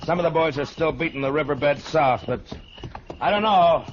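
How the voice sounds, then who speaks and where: An American man playing a weary, steady frontier marshal in a 1950s radio western, speaking in a terse, dry, commanding way. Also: fairly high pitch, normal speed, natural voice. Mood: weary, wry. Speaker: radio drama lead actor. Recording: noisy, dull old radio recording.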